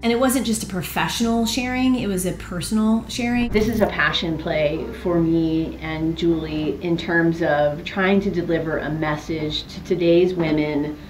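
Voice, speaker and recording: A woman's voice: lowish voice, fairly even intonation, moderate pace, few pauses. A woman talking earnestly in an interview about a book project she started. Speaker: founder of a women's book project. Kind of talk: reflective interview talk. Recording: roomy with music behind.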